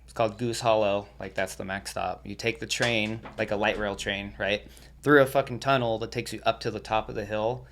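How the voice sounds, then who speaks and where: As a guest on a podcast, a young man tells stories in a relaxed, rambling, brisk way, swearing freely and laughing between tales. His voice sits a little low, and the talk is casual storytelling.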